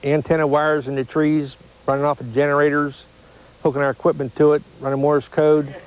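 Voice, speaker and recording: A man's voice: on the high side, flat delivery, brisk, smooth, rough recording. A man, a radio club member, giving an interview answer in plain conversational talk.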